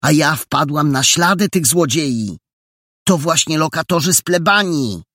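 Man doing a bossy, excitable girl sleuth. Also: on the high side, unhurried, no room sound, clean studio sound, voice pushed up. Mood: excited, bossy. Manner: breathless, emphatic, impatient. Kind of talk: audiobook character voice.

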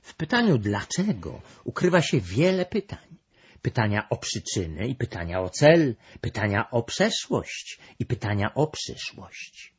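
A man reading a storybook aloud, voicing a calm, thoughtful female creature in a raised voice, in a dull lo-fi recording. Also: mid-range voice, unhurried, slightly rough, pitched above the performer's own voice, full character voice. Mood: reflective.

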